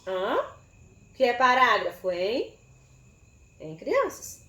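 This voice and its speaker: A Brazilian woman teaching young children to write, sounding out syllables slowly and asking pupils by name. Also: a little high, wildly swooping pitch, sharp tone. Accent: Brazilian Portuguese. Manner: slow, syllable-by-syllable spelling with questions to pupils by name. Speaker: primary school teacher. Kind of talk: recorded remote writing lesson for young children. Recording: echoey room.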